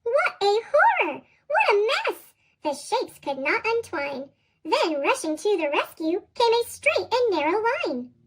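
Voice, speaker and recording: With big pitch swings and a fairly bright tone, a storybook reader takes a measured pace through children's picture books in a bouncy sing-song. The voice has been sped up and shifted high like a chipmunk.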